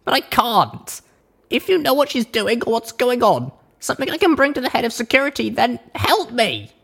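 A man's voice: very high-pitched, sing-song, moderate pace, gravelly, a bit bright, slightly rough, pitched above the performer's own voice, full character voice. A man voicing an earnest young female pony in a storybook reading, pleading and eager.

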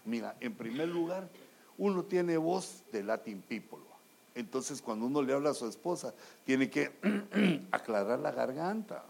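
Gravelly, animated preacher man. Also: medium pitch, measured pace. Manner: jokey and animated, acting out little scenes; addresses the congregation as brothers. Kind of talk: humorous sermon.

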